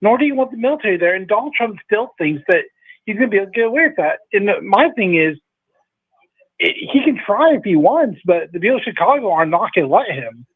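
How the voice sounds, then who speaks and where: A man's voice: sits high, big pitch swings, quick pace, husky. A man from outside the US calling a radio show, earnest and hesitant, with many fillers. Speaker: caller. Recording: phone line.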